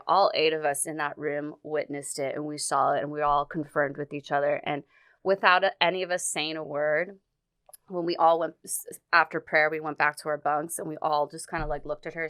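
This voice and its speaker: A young woman, a podcast guest, telling a story in a halting, earnest way full of restarts. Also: low voice, a bit bright, clean tone, dry recording. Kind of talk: casual storytelling.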